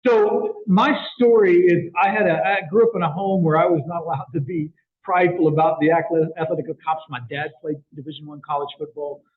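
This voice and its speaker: A middle-aged man giving an animated storytelling talk to a club as a guest speaker, with many fillers and restarts. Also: on the high side, fairly quick. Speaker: guest speaker for a sports outreach ministry. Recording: echoey room, tinny phone-like sound.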